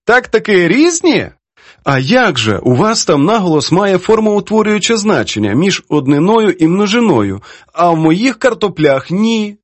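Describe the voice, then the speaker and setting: A woman's voice: medium pitch, sing-song, measured pace, no room sound, voice pushed up. A man doing a teasing old woman poet. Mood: mocking. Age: older. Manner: teasing, laughs easily. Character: merry elderly woman children's poet, teasing.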